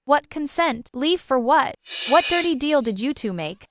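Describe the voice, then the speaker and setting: A woman's voice: high-pitched, expressive, measured pace, no room sound. A woman playing a sardonic, hurt young designer in an English-dubbed drama, with an emphatic delivery. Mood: indignant.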